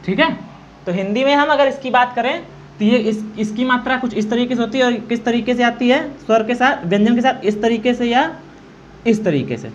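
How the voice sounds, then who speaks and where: A man's voice: extremely high pitch, moderate pace. A man teaching an exam-prep grammar lecture, asking and answering his own questions, stretching out vowel sounds and dictating notes. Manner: draws out vowel sounds to demonstrate. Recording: dull lo-fi recording with faint noise.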